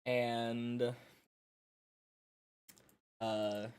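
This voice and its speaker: A man improvises story narration as a tabletop player. His delivery is very slow and halting, with dramatic pauses, at a middling pitch. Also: level tone, darkish tone, smooth. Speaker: player narrating their character.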